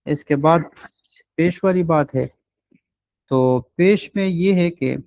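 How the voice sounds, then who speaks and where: A man's voice: on the high side, gravelly, a little mellow, dry recording. Patient male recitation teacher, dry sound. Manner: patient, explanatory, with many drawn-out filler sounds; models short vowel sounds slowly and deliberately. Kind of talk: online class lecture.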